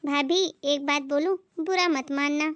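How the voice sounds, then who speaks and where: A spoiled, snobbish young sister-in-law who drawls her taunts, as a woman acts her out. The voice is high and close, with a dry recording and no room sound. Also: fairly even intonation, unhurried, a bit bright, dry recording, lo-fi sound. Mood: taunting.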